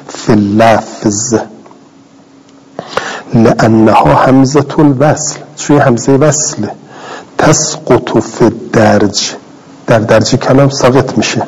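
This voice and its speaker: A man's voice: medium pitch, darkish tone, breathy edge, poor audio. A middle-aged male cleric gives a scholarly commentary lecture, reading Arabic text aloud and explaining it in plain, repeated Persian. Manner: repeats and rephrases phrases for clarity.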